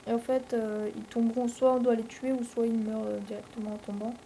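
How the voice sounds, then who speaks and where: Une jeune femme à l'français commente sa partie de jeu vidéo sur un ton décontracté et bavard, avec beaucoup d'hésitations. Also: female voice, a little high, level tone, brisk, creaky, mellow, a little hiss or hum, low-quality recording. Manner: rambling, chatty, many fillers. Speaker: let's play host. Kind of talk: casual gameplay commentary.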